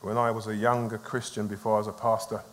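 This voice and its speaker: A male pastor preaching a sermon in short phrases for an interpreter, lively and emphatic, often laughing. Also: fairly low pitch, fast, big-room sound. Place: church service.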